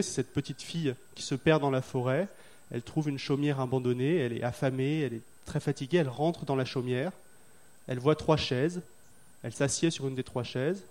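Male author guest from France, reflective and hesitant, voice a bit high. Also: a little mellow. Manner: thoughtful, hesitant with many fillers. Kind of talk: festival interview.

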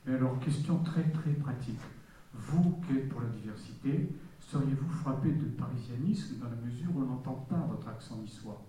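A man's voice: medium pitch, moderate pace, mellow. A man from the audience asking a courteous, formally worded question. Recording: echoey hall from far off.

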